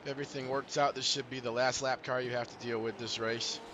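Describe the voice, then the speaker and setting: A man with an average-pitched voice talks his driver through the race as crew chief. He is casual and reassuring, with clear engine noise behind him. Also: little pitch movement, quick pace. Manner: encouraging, reassuring.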